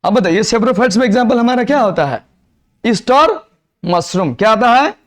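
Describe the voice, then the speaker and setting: High-voiced man teaching a class. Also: animated, moderate pace. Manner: repeats quiz questions to the class, mixes Hindi and English. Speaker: biology teacher. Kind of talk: classroom lecture.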